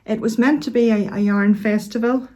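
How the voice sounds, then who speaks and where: Mellow-voiced Northern Irish woman chatting. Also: a little high, fairly even intonation, normal speed. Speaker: knitting vlog host. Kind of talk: casual chat to camera.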